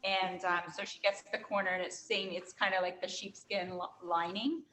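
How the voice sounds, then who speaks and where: A woman's voice: medium pitch, flat delivery, normal speed, pushed and bright, a little hiss or hum, poor audio. A woman dog owner in a training class, telling rambling stories about her puppy's habits. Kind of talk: casual chat.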